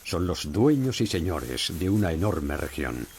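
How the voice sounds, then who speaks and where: A man narrating a nature documentary in a measured, dramatic storytelling manner. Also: low voice, very animated, a little mellow, slight background noise. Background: background music.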